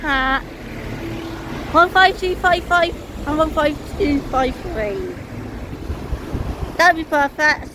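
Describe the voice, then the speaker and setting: Standing by bus stops and streets, this woman films herself on her phone and excitedly calls out fleet numbers and registration plates in a relaxed, chatty spotting commentary. She has a high voice, speaks slowly, and pauses often, while traffic and street noise fill the rough outdoor recording.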